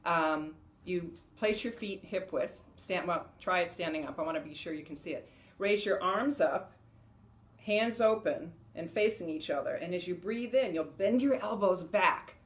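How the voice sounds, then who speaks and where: Lower-voiced woman teaching breathing. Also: normal speed. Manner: chatty, laughs often, loud rhythmic "ha" shouts during exercises. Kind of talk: casual instructional talk to camera.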